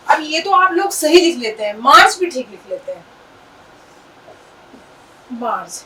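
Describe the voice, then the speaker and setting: Woman, teacher, patient classroom explanation, letter-by-letter spelling, high voice, distant mic. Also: very animated, bright, forceful tone. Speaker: Urdu teacher. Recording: distant mic with faint background noise.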